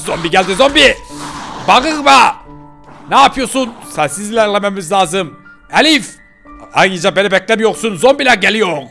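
A man's voice: sits high, expressive, normal speed, gravelly, bright, forceful tone, faint music behind, exaggerated voice. A man voicing a nervous young local man in a game role-play, hesitant and stammering. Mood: anxious.

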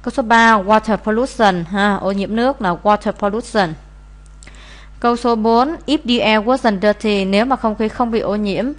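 A woman's voice: mid-range voice, normal speed. A woman, teaching as she explains answers to an English test, with many "à" fillers. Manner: frequent "à" fillers, steady explaining.

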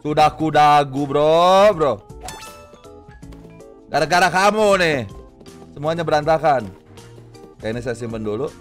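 A man's voice: on the high side, measured pace, long pauses. A young man giving playful, exclamatory, slangy commentary on a video game, often repeating his words. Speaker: gamer, video host. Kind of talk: casual gameplay commentary. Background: game music.

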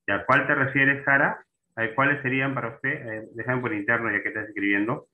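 Over tinny, phone-like call audio, a man teaches an online class on Spanish accent marks, frequently checking in with students and posing questions. His voice sits in the mid-range, with fairly even intonation and a brisk pace.

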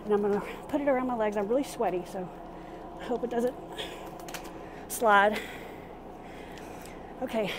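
A woman with a slightly high voice leads a casual exercise demonstration. She gives informal instructions while moving through the exercises herself. The recording is made inside a small RV, with clearly audible vehicle-like background noise. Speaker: fitness instructor. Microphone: camera a few steps away. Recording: clearly noisy vehicle interior sound.

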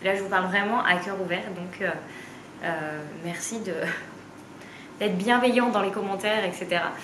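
A woman in her late twenties confides in a home vlog, pausing often and filling gaps as she goes. The camera sits a few steps back in a bright, echoey room. A faint room ambience hums underneath. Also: mid-range voice, fairly even intonation, background noise. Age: 20s. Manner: hesitant, many fillers, speaks openly and gestures. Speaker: sewing vlogger. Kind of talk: candid personal vlog. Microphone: camera a few steps away. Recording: roomy, slightly distant, faint ambience.

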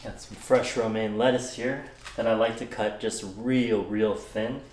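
A man's voice: lowish voice, steady tone, a little slow, a little mellow, a little hiss or hum. A young man hosting a home cooking tutorial, upbeat and enthusiastic as he talks through each step in his kitchen. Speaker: cooking show host. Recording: roomy kitchen with background music.

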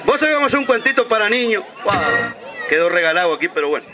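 A man's voice: high-pitched, sing-song, very fast, crowd noise, background noise. A man with a Uruguayan accent telling jokes on an outdoor stage, chatting with the audience and acting out the dialogue. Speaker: stand-up comedian.

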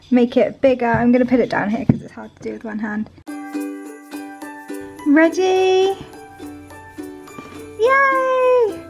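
A British teenage girl vlogging casually at home to a handheld camera, excitable and gushing. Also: sits high. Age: teens. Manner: excitable, gushing, quick to squeal with delight. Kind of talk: casual vlog chat to camera. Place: at home, bedroom and desk.

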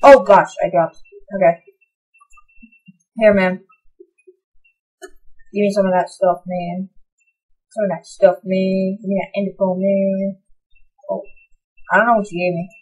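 A young woman giving casual, excitable commentary on her own gameplay, sometimes breaking into high, delighted shouts. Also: measured pace, long pauses, slightly rough, poor audio. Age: young adult. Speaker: gaming channel host.

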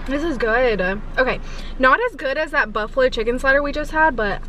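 A woman's voice: high-pitched, fairly quick, bright, forceful tone, a little hiss or hum. A woman vlogger chatting casually to the camera from inside her car, chewing food while she talks. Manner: chatty, rambling, lots of fillers. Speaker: mukbang vlogger.

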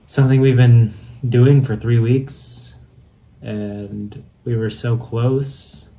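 A man's voice: mid-range voice, steady tone, slow, warm tone, a little hiss or hum. A man in his thirties vlogging a hike, talking into a phone held at arm's length, with many fillers and restarts. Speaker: hiking vlogger. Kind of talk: casual vlog narration. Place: outdoors on a mountain trail, later indoors in a room.

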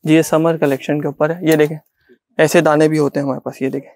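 Middle-aged male shopkeeper, Pakistani Urdu accent, insistent repetitive sales talk, fairly high voice, dry shop recording. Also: level tone, quick pace, vocal fry, darkish tone, no echo. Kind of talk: sales pitch to a vlogger. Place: small indoor clothing shop.

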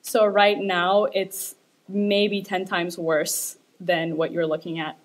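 A woman's voice: on the low side, level tone, slow pace. A young woman from Ethiopia, a graduate student, giving an academic presentation with frequent fillers and hesitations. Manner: hesitant, many fillers, light laughs.

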